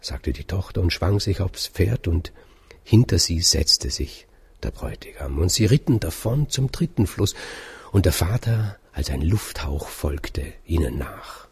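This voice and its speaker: A man telling a fairy tale aloud in a calm, measured way, dropping at times to a soft whisper. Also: sits low, breathy edge. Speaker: storyteller. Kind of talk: oral fairy-tale storytelling.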